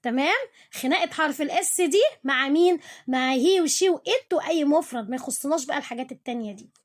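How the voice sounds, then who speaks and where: A woman's voice: sits high, animated, fast talker. A young woman with an Egyptian Arabic accent teaching English grammar to children playfully, quizzing the pupil and praising each answer. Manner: coaxing quiz questions and praise to the pupil.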